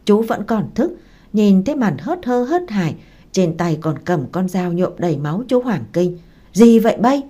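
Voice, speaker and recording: A woman, narrating a dramatic story in a steady reading voice. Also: mid-range voice, moderate pace.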